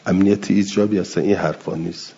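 A man teaching a religious lesson on Quran commentary, reading Arabic passages slowly and explaining each in plain speech. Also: deep voice, steady tone, dark tone, muffled recording, slight background noise.

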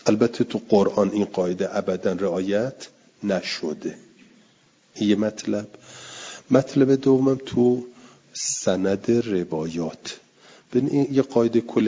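A man's voice: lowish voice, mellow, slightly rough. An older man teaching a religious studies class, patiently explaining rules and repeating them with worked examples. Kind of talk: classroom lecture. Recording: dull lo-fi recording with hall reverb.

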